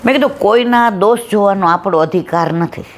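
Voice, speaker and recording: A woman's voice: mid-range voice, brisk. A middle-aged woman giving a devotional satsang talk, telling a story in a conversational way and asking her listeners whether they follow. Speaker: satsang speaker.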